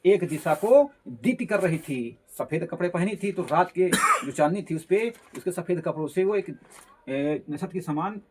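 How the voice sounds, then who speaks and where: A man's voice: high voice, animated, moderate pace, a little mellow, a little hiss or hum. A male teacher explaining a Hindi poem line by line, repeating and paraphrasing each phrase as he goes.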